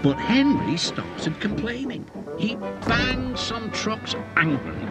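Lively male storybook narrator. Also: high-pitched, slow, over loud music.

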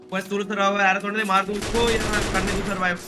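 A man's voice: sits high, quick pace. A man streaming a team shooter, calling out enemies and moves to his squad. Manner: excited callouts to teammates. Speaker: gamer streaming a squad match. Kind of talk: live gameplay chat. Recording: noisy game audio behind.

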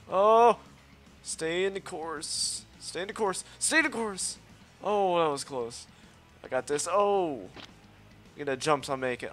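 A man giving live gameplay commentary, boasting, swearing often and yelping when things go wrong. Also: on the high side. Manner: excitable, swears often, yelps at mishaps; cocky trash talk. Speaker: let's play host.

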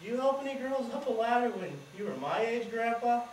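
A student performer playing a timid, flustered teenage grandson who answers hesitantly, on a school stage. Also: male voice, extremely high pitch, expressive, a little fast, darkish tone, slight background noise. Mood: sheepish. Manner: hesitant, sheepish replies. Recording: distant echoey auditorium recording.

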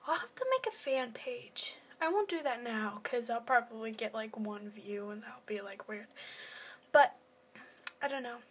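A woman's voice: on the high side, animated, moderate pace, slight background noise. Chatty teen girl, half-whispering. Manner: chatty, self-deprecating, often drops to a half-whisper. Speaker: first-time vlogger. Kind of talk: casual rambling talk to camera. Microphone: phone camera.

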